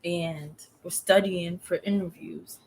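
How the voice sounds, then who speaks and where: A young woman hosting a casual coding session, chatty and quick to check her understanding with questions. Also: on the low side, fairly even intonation, creaky, slight background noise. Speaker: host coding with her husband. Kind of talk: casual live-stream chat.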